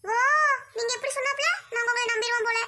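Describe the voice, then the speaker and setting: A woman's voice: very high voice, steady tone, fast talker, sharp tone. A woman playing a cheeky younger sister who teases and tells on her sibling, in a Kanniyakumari accent. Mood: teasing. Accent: Kanniyakumari Tamil. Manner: teasing, tattling.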